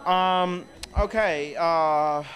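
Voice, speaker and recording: Young male host, slightly high voice, rambling, casual recap chat. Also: drawn-out words, a bit bright. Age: young adult. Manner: rambling, with fillers and restarts.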